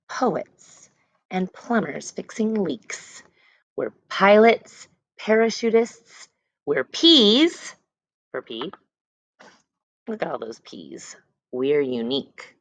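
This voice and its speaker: An elementary school teacher, a woman with a voice that sits low and carries vocal fry, reads aloud from a picture book to small children. She emphasizes words and letter sounds, adding brief explanations along the way. Audio quality is poor and there's no room sound.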